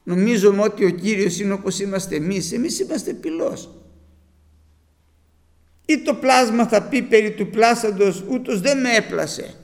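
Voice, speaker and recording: A man's voice: high-pitched, long reverb tail. A man preaching a sermon, quoting scripture emphatically and firing off rhetorical questions.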